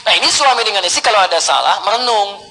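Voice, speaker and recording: A middle-aged man preaching and answering a question in a sermon, lively, acting out small everyday scenes. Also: sits high, quick pace, faint music behind, low-quality recording. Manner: lively, plays out little scenes, chuckles.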